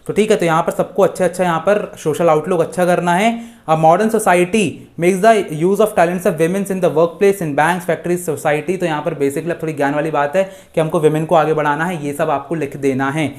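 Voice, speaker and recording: भारतीय अंग्रेज़ी लहजे वाला एक युवा पुरुष शिक्षक, जो लाइव परीक्षा-तैयारी क्लास में हिंदी बोलता है और अंग्रेज़ी नोट्स धीरे-धीरे पढ़कर सुनाता है।. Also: male voice, sits high, darkish tone. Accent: Indian English. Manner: mixes Hindi with slow English read-outs from notes. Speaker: teacher. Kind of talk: live online exam-revision lesson.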